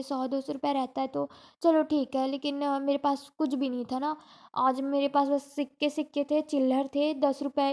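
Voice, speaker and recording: A young woman vlogger with a high, slightly mellow voice tells a story in casual vlog talk. She's still in pain after a fall and sounds shaken, rambling and restarting often.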